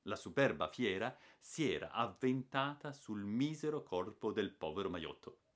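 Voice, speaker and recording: A man reading an adventure novel aloud as an expressive, dramatic audiobook narration. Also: lowish voice, measured pace.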